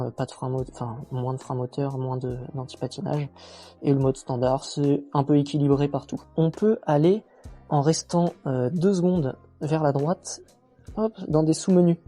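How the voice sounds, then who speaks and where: A man giving a casual, chatty motorcycle walkthrough, relaxed and full of fillers and self-mocking jokes. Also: medium pitch. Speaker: motorcycle reviewer.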